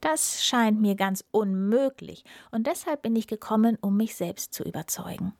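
A woman voicing a clever, flattering male talking cat from a fairy tale, with a bright, eager, cunning manner. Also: medium pitch, moderate pace, gravelly, no room sound, clean studio sound.

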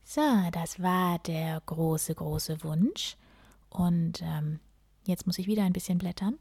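A woman reads children's stories aloud in a soft, often half-whispered voice. She takes her time, with a lowish tone. The sound is close and dry, with no room echo. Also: fairly even intonation, takes it slowly, gravelly, slightly rough. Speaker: storyteller reading aloud. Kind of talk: storybook reading aloud.

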